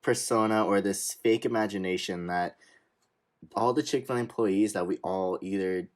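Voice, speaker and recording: A man's voice: fairly low pitch, normal speed. A young man in his twenties co-hosting a podcast, chatting casually in a laid-back, slangy way and laughing often. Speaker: podcast co-host. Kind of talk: casual chat.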